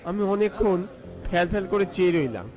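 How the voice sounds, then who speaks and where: A man's voice: high voice, lively intonation, brisk, a little mellow. A man narrating a scripted first-person ghost story in a theatrical, suspenseful way.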